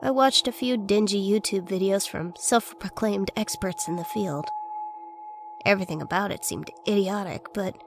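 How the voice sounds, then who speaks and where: A woman with a mid-range voice, speaking at normal speed, narrates a scripted first-person horror story. Faint noise and ambience sit behind her voice.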